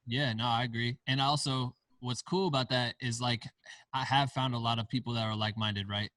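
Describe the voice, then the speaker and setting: A man from Iowa, a film director and founder, guests on a podcast and tells stories in a laid-back interview chat sprinkled with casual slang. His mid-range voice is steady, a little fast and a bit bright, captured with no echo on a distant mic.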